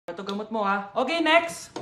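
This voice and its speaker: A woman performing comedy skits, voicing every character herself, from shouted scolding to soft childish lines. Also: medium pitch, expressive, normal speed, very noisy. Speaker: comedy sketch creator.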